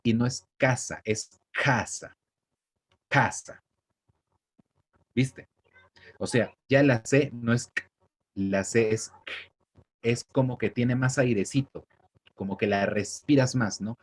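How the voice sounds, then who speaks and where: A man's voice: mid-range voice, unhurried, pauses often, a little mellow. A young man, explaining spelling in a patient, conversational way and checking that the listener follows. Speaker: teacher. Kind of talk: spelling lesson.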